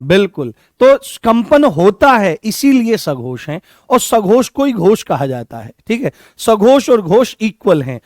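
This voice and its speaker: A man's voice: sits high, very animated, unhurried, few pauses, a little mellow, dry recording, studio quality. A man teaching an online exam-prep class, repeating key phrases and coaxing his students with affectionate names.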